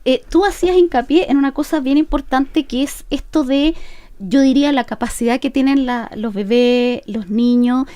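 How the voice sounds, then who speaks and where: A woman's voice: sits high, moderate pace, dark tone, no room sound. A woman hosting a radio talk show, guiding the talk and summing up for listeners. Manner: guides the talk, sums up for listeners. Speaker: radio host. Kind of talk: radio interview, moderating.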